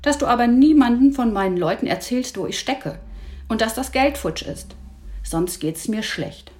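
A woman's voice: on the high side, expressive, normal speed, darkish tone, voice pushed up, close to an everyday voice. A woman voicing a serious, earnest boy who reasons things out. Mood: urgent.

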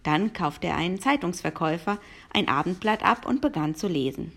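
A woman narrating a children's novel aloud in a lively storytelling manner. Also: on the low side, brisk.

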